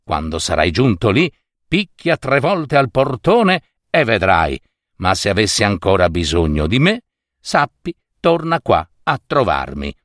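A man voicing a kindly fairy in a fairy tale, speaking gently and slowly. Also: on the low side, sing-song, no echo, clean studio sound. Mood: gentle. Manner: gentle and slow.

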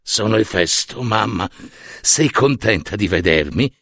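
Man as a subdued, hesitant blacksmith god, low voice, dry sound. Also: expressive, unhurried, vocal fry, fairly bright tone, no room sound, heavily acted. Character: hoarse lame blacksmith god, shy son.

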